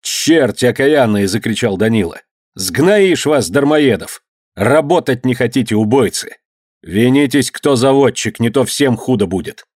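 A man's voice: medium pitch, lively intonation, unhurried, darkish tone, breathy edge, no room sound, clean studio sound. A man voicing a stern young master who speaks harshly and gives commands in an old-time storybook tale. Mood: shouting.

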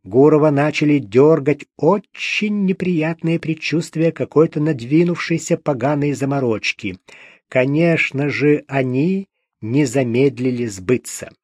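A man's voice: a little high, measured pace, darkish tone, dry recording. A man narrating an audiobook detective story with dry, wry irony. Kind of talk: scripted narration.

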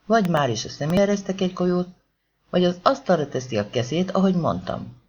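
A cold, menacing grown gangster, put on by a man reading aloud, dealing out slow, mocking threats in a higher-pitched voice. The audiobook sound is dull and lo-fi. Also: expressive, darkish tone, slightly rough. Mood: threatening.

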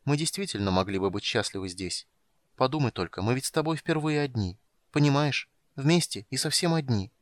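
A man's voice: lively intonation, fairly quick, no room sound, close to an everyday voice. Man doing a passionate young woman, raised voice, dry close sound, audiobook character. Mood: tender. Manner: raises pitch to voice a young woman, earnest and emotional.

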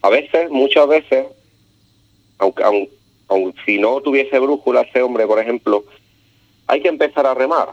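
A man's voice: mid-range voice, a little slow, long pauses. Hesitant man telling stories over a dull phone line. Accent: Andalusian Spanish. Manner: hesitant, many fillers and restarts. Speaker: radio guest telling stories. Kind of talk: casual storytelling on radio.

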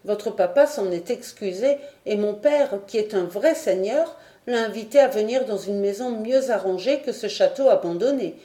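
A woman's voice: mid-range voice, expressive, moderate pace, hardly any pauses, mellow, natural voice. A woman reading a storybook, voicing a proud, mocking ten-year-old noble girl in a slightly raised voice. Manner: mocking, haughty, curt. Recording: roomy echo.

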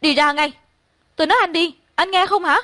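A woman voicing a distraught young woman who shouts and cries, hiding her scarred face. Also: normal speed. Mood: frantic, shouting. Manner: shrill and shouting. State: crying.

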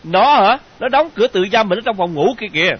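A man voicing a hot-headed young male artist, shouting indignantly in a raised voice, in a dull lo-fi audiobook recording. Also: high-pitched, lively intonation, very fast, breathy edge, pitched above the performer's own voice.

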